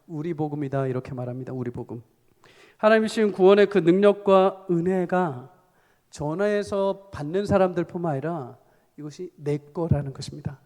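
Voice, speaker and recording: A middle-aged man preaching with fervor from the pulpit, his voice sitting a little high for a man. It rises to loud, ringing exhortations, then falls to a soft, close tone. The church hall gives it a long reverb. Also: moderate pace. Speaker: senior pastor. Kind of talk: sermon at a Friday prayer meeting. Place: church sanctuary.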